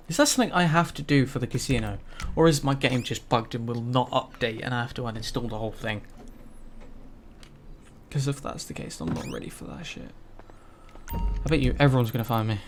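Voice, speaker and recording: A man's voice: medium pitch, a little hiss or hum. Young man rambling over gameplay. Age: 20s. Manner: rambling, mildly frustrated, swears casually. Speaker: gaming YouTuber. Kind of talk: casual gameplay commentary.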